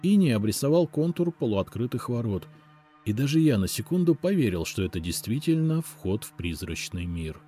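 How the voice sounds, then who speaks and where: Brief: male audiobook narrator, first-person story, mellow low voice, animated intonation. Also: normal speed, husky, faint music behind.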